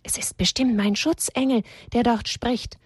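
Woman doing a soft-spoken earnest young farm animal, husky voice, dry sound. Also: mid-range voice, sing-song, normal speed, dry recording.

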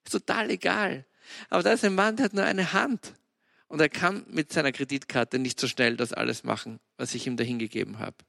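Upbeat man with a gravelly voice. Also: mid-range voice, a little fast, dry recording, studio quality. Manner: lively storytelling, mixes in English exclamations. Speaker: podcast host. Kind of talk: casual spoken devotional talk.

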